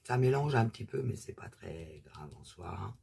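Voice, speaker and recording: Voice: deep voice, expressive, normal speed, gravelly, a little mellow, slightly rough. A presenter chatting casually through a hands-on craft demonstration, rambling with many fillers and asides, trailing off while working. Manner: talks while working, trails off mid-sentence.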